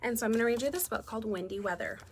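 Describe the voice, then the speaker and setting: With slight background noise behind her, a woman elementary school teacher rattles through a read-aloud lesson for young children at rapid-fire speed. Her voice is on the high side, and she's instructive, frequently questioning the kids.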